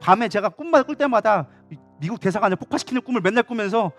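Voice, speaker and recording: A man's voice: sits high, lively intonation, fast talker, a bit bright, faint music behind. A male pastor preaching a sermon to his church in a passionate, conversational way. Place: church sanctuary during a Wednesday evening service.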